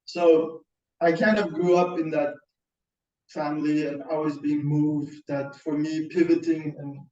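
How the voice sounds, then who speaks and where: A man born in Iran and raised in Sweden tells his story in a webinar on a video call, halting and repeating words as he goes. His voice sits a little high and stays fairly flat. The sound is roomy and dull, as if he sits some way from the mic. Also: recorded from a distance. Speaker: founder presenting a webinar. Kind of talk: webinar talk.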